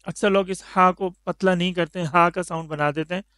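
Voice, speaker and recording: A man's voice: sits high, fairly even intonation, a little fast, pushed and bright, smooth, no echo. A man teaching Tajweed pronunciation of Arabic letters, patiently stretching each letter sound for the learner. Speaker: Quran recitation teacher.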